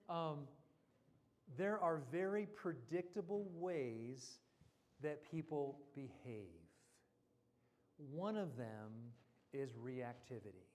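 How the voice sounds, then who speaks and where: A man with a fairly high voice giving a church seminar. He teaches in a relaxed, conversational way and slips into acted-out voices to make a point. It sounds like a talk given to a live audience. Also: very slow, long pauses. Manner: animated, acts out quoted voices. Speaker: guest speaker. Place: church hall.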